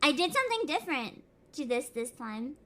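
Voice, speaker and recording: A woman livestreamer with a cute, bubbly, giggly anime-streamer manner, chatting and reacting excitedly and often repeating her phrases. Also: high voice, moderate pace.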